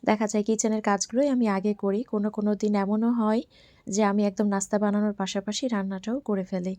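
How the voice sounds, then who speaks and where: A hoarse woman from Bangladesh in her thirties narrates her home vlog in a quiet, soft voice. Her tone is warm and mellow. The sound is close and dry, with no room around it. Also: mid-range voice, little pitch movement, fast, no room sound. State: hoarse from a cold. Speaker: vlogger. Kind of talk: casual voice-over narration.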